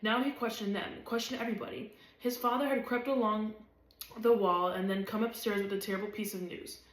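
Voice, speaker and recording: Woman reading a book out loud, steady, mid voice, roomy echo. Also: medium pitch, brisk. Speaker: reader. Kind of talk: reading a novel aloud.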